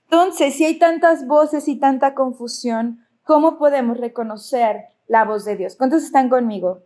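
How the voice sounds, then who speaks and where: High-voiced woman preaching a sermon. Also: moderate pace. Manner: expressive preaching, with questions to the congregation. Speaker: pastor.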